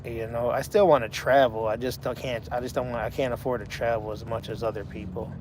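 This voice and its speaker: Male, 40s, livestream host. Easygoing, flat delivery, light vehicle noise behind. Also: mid-range voice, a little fast. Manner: laid-back, talks to chat viewers by name. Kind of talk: casual live chat.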